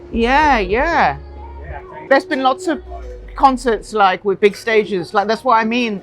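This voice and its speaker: A woman's voice: medium pitch, poor audio. A woman in her forties from Hong Kong, talking chattily in an interview, laughing often and searching for words. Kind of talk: casual interview.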